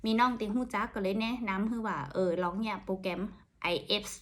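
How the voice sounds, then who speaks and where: A woman vlogger with a Northern Thai accent talks casually to her viewers. She chats easily, repeats words as she goes and fills pauses with soft "mm" sounds. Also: on the high side. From Northern Thailand. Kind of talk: casual chat to camera.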